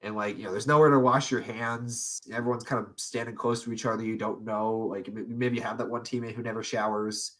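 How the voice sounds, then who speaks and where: A man's voice: fairly low pitch, fairly even intonation, fairly quick, hardly any pauses, a bit bright. A young man co-hosting a casual podcast, rambling with lots of fillers, restarts and frequent laughs. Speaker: podcast co-host. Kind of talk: casual chat.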